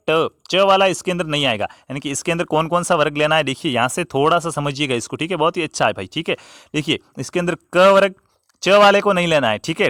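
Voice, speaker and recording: A man's voice: a little high, sharp tone, dry recording, clean studio sound. A man teaching a lesson, asking questions and answering them himself, repeating key terms and stretching them out for emphasis. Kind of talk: classroom lesson on grammar.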